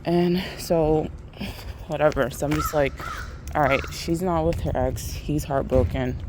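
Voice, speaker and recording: A woman's voice: low voice, unhurried. A woman with an American accent tells a story casually to viewers while out walking, animatedly acting out what people said. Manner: animated retelling, acts out quoted speech. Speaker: vlogger. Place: outdoors on a walk. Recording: outdoor ambient noise.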